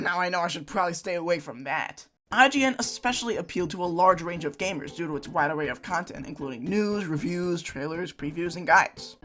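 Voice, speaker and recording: A gaming video essayist narrating a scripted essay, animated and sarcastic, getting worked up and shouting during rants. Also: medium pitch. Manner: sarcastic asides.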